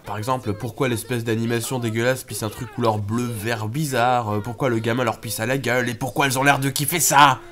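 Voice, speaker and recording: A man's voice: medium pitch, steady tone, a little fast, few pauses, fairly bright tone. A man co-hosting a comedy web show, giving casual, informative commentary in colloquial language. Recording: music clearly behind.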